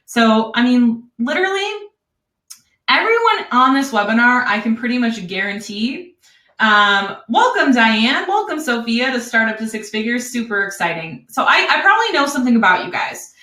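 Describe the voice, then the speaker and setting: A woman with a Wisconsin accent hosting a live webinar, pitching an online course in an upbeat, chatty way with frequent laughs. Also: big pitch swings, moderate pace, sharp tone, reverberant.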